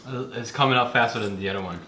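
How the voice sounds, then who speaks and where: A man's voice: mid-range voice, rapid-fire, pushed and bright. A man in his twenties chatting casually in a home kitchen while eating spicy food, exclaiming and puffing as he goes. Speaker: mukbang challenge host. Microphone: camera a few feet away. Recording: echoey room, clinking dishes, clear noise.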